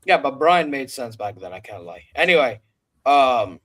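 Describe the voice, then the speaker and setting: A man's voice: medium pitch, very animated, moderate pace, fairly bright tone. A man in casual podcast chat, interjecting and repeating his words as he agrees or checks a point. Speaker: wrestling podcast panellist.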